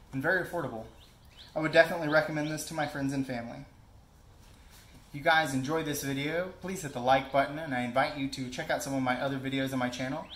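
A young man casually reviewing a tool in his garage and backyard, chatty and relaxed with frequent fillers. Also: fairly high pitch, echoey room, poor audio. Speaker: product reviewer. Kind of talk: casual product review vlog.

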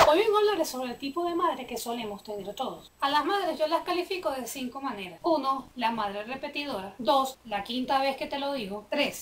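A woman's voice: sits high, noisy background. A woman hosting an upbeat comedy video intro and listing items. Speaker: comedy vlogger. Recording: music playing behind.

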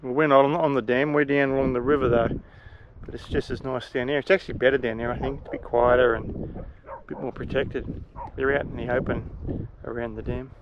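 An older Australian man with a relaxed, laid-back manner, chatting casually to camera as a travel vlogger outdoors. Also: medium pitch, a little fast, muffled recording, background noise. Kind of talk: casual vlog narration to camera. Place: outdoors at bush campsites and lakeside.

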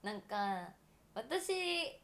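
A young woman in her twenties hosts a casual solo livestream, her voice pitched a little high. She rambles with plenty of fillers and giggles, chatting to her viewers. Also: big pitch swings, extremely slow, gravelly, fairly bright tone. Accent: Toyama Japanese. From Japan (Toyama). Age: 20s. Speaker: livestream host.

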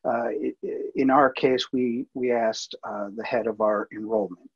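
A mid-range, husky male voice with a steady tone and a slightly slow pace presents a workflow over slides in a webinar, highs cut off. The multimedia producer talks casually, with many fillers and restarts.

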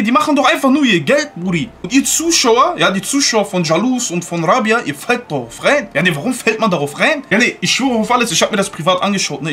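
A man's voice: high voice, sharp tone. A man doing reaction commentary on a clip, blunt and slangy, mocking and repeating his catchphrases. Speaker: reaction streamer.

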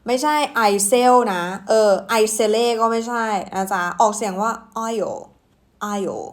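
A woman's voice: fairly high pitch, fairly even intonation. A young woman teaching English pronunciation in a casual, playful lesson, drawing out her explanations. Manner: slow, playful, drawn-out explanations with fillers.

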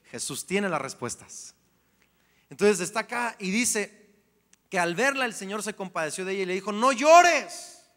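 Male pastor, high bright voice, lively playful sermon, long hall reverb. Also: moderate pace. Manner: animated, playful preaching with acted-out voices.

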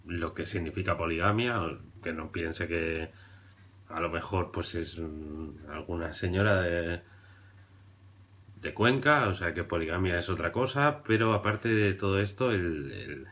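A video commentator in his thirties from Barcelona, Spain, mocks the clips he plays in a dry, ironic tone, hesitating and filling pauses with "mm." His voice is very deep yet a bit bright. He is recorded on a webcam at his desk in an indoor room in front of a printed backdrop.

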